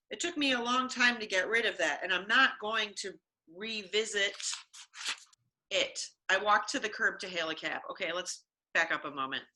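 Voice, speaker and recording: A woman co-hosting a comedy podcast, reading fan fiction aloud with playful, animated delivery and chatting casually. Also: mid-range voice. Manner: animated, playful, acts out dialogue. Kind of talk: comic dramatic reading and casual chat.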